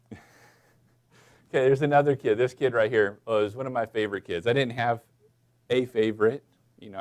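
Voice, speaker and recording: A man preaching a casual, chatty sermon in church, asking the congregation questions and filling pauses with "um" and "uh". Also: medium pitch. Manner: folksy, chatty, many fillers, addresses listeners as y'all. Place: church sanctuary.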